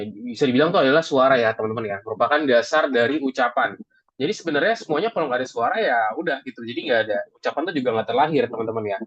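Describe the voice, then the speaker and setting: A man's voice: medium pitch, fairly bright tone, no echo, lo-fi sound. A man teaching a class in a chatty way, asking the students questions and addressing them as friends. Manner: chatty, asks the class questions, says "teman-teman" often. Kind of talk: classroom lesson.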